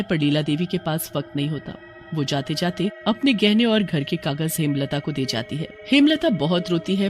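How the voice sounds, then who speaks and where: A storyteller reading a cartoon story in an even, scripted way. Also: medium pitch.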